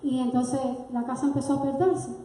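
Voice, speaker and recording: A Cuban woman gives an earnest, emotional personal testimony to her congregation in a church sanctuary. Her high voice has a dark tone and moves a little fast, and the hall is very echoey.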